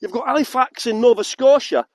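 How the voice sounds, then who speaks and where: Brief: male tour guide from Yorkshire, fairly high voice, chatty and joking, dry close sound, walking outdoors. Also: fairly quick, no echo. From England (West Yorkshire). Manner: chatty, joking, lively asides. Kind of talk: live-streamed walking tour talk. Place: outdoors in large public gardens.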